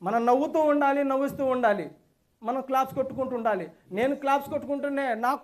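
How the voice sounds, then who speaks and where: Brief: man, high and fast, emphatic testimonial at a hotel seminar. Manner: enthusiastic, repetitive, emphatic. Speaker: seminar participant giving a testimonial. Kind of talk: standing testimonial speech to a class. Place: hotel meeting hall.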